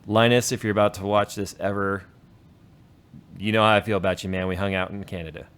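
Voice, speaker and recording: A tech YouTuber hosting a casual stream tells comic stories in a smooth, fairly low voice at a fairly quick pace. He's animated and profane, swearing here and there and acting out the dialogue.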